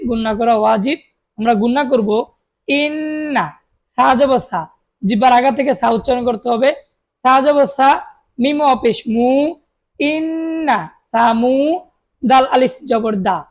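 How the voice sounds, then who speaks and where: A woman's voice: sits high, a little mellow. A woman teaching Quran reading, spelling out Arabic syllables one by one and asking listeners to repeat after her, with short explanations of the rules. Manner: slow, drawn-out recitation of each syllable, with short explanations of rules.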